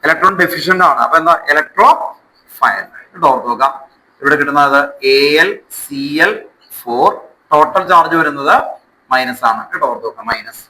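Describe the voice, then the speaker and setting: A chemistry teacher with a Malayali accent leads a school lesson step by step, blending Malayalam with English technical terms. He repeats key words and asks check questions in a rather high, sharp voice at a brisk pace. The recording is rough.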